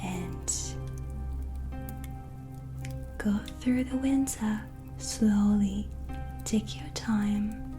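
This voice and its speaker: A woman performs a gentle witch in soft ASMR roleplay, her mid-range voice a soft, breathy near-whisper. She talks slowly and hesitantly in a warm, soothing way, backed by relaxing music and ambience.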